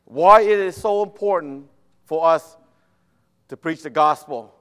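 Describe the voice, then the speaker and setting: Male missionary preacher, Cambodian accent, Khmer native, halting sermon delivery in non-native English. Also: on the high side, fairly bright tone, clear, resonant tone. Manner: halting, with nonstandard English phrasing. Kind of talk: church sermon.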